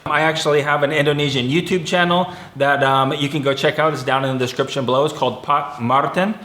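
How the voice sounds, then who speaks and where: A man's voice: a little high, steady tone, fast talker, a bit bright. A man, explaining things patiently and teasing his family in a casual Q&A. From California, USA. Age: 40s. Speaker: family vlogger, father. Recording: echoey room.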